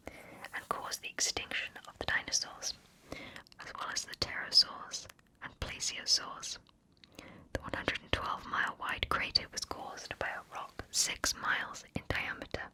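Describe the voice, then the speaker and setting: An ASMR narrator whispering scripted facts right up close to the listener's ear throughout. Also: rough recording. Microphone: close ear-to-ear stereo microphone.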